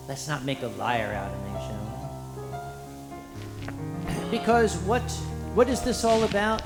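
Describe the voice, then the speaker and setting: A man hosting a live convention panel, with a grand, theatrical showman's delivery. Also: high-pitched. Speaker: panel host. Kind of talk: live convention stage banter. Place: convention hall stage. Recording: reverberant hall with music behind.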